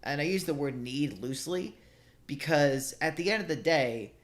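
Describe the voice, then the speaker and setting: A man's voice: on the high side, animated, normal speed. A man in a casual conversation, hesitant and restarting often as he thinks aloud.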